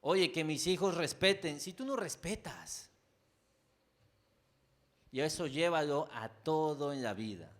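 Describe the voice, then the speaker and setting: Here a pastor with a Mexican accent gives a chatty sermon aimed straight at his audience, full of side remarks. Loud, forceful highs alternate with hushed, low lines. His intonation is lively, his pace measured, and he leaves long pauses.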